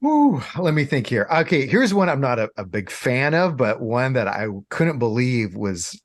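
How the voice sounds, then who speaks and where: A middle-aged man co-hosting a podcast, animated and playful in casual chat, laughing often. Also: mid-range voice, normal speed, no echo. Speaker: podcast co-host.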